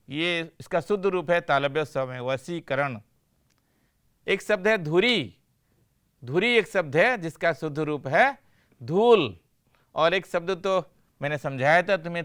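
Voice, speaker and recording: Slow, clear-voiced male teacher. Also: a little high, fairly bright tone. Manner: slow, questioning, answers his own questions with "हाँ" and praise. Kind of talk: classroom lecture.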